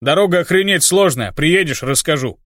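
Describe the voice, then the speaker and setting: A man reading an audiobook, voicing an excitable, crude-talking young male gamer friend. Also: a little high, normal speed, dry recording, clean studio sound, voice pushed up. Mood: excited. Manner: loud and crude.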